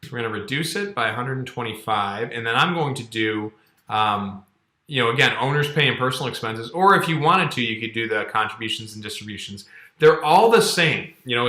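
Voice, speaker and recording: A bright-voiced man of medium pitch teaches a casual accounting screen-share tutorial in a roomy, echoing indoor space. His manner is conversational and explanatory, with frequent check-ins like "okay" and "all right."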